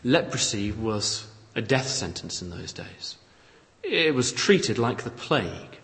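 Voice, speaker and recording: Measured preacher in a reverberant hall. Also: male voice, medium pitch, big pitch swings, a bit bright. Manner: measured, emphatic, dramatic scripture reading. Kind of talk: expository sermon. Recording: long reverb of a large hall.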